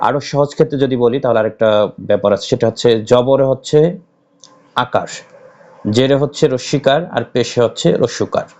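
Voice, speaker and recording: A man teaching Quran recitation, spelling out letters with slow, drawn-out, emphatic syllables and patient repetition. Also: mid-range voice, a little mellow. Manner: patient, repetitive explaining with frequent pauses. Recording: slightly dull lo-fi audio.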